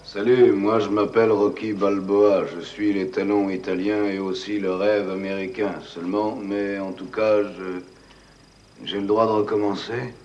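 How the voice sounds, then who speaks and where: Actor doing a slow-witted boxer, slangy and plain-spoken, lowish voice, muffled film sound. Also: male voice, flat delivery, a little mellow, lightly acted. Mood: stubborn. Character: slow-witted but proud boxer, adult man. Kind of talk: dubbed film dialogue.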